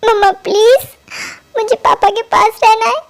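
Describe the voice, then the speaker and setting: A woman's voice: extremely high pitch, steady tone, normal speed. A woman voicing a guilt-ridden young daughter who pleads tearfully in a fan-made audio drama dub. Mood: pleading.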